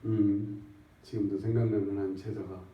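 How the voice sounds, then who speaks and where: A man in his sixties, a pastor, preaching in a conversational style that swings from loud emphatic bursts to hushed near-whispers. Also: lowish voice, little pitch movement, moderate pace, slight background noise. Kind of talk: sermon. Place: church sanctuary. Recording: echoey dull church recording from far off.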